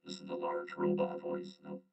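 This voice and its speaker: A man putting on a robot voice through a voice filter, announcing in a deadpan mechanical way. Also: moderate pace, dry recording, soft background music. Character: synthetic robot voice, large and small.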